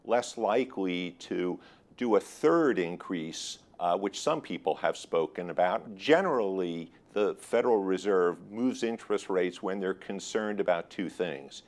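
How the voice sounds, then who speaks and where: A man speaking as an expert interview guest on financial markets, in a measured, considered and analytical manner. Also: sits low. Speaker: guest expert on high yield bond markets.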